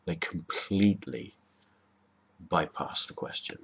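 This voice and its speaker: A man's voice: sits low, slow pace, creaky, slightly rough. A man talking in a rambling, hesitant way, with many ums and restarts, giving a casual spoken lesson to camera. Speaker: video host.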